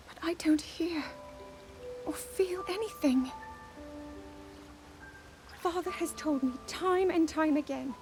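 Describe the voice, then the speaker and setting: A woman's voice: sits high, mellow. A woman playing an earnest, burdened teenage princess in a dramatic video game cutscene, with formal, emotive delivery. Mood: troubled, searching, then anguished, pleading. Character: earnest, burdened sixteen-year-old princess, regal and yearning. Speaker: voice actor.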